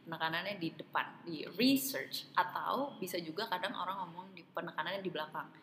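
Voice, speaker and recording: A woman in a casual podcast chat who explains patiently, laughs often and slows down to model words. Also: lowish voice, steady tone, bright, forceful tone. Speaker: guest explaining English mistakes. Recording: echoey room with long reverb, faint hiss.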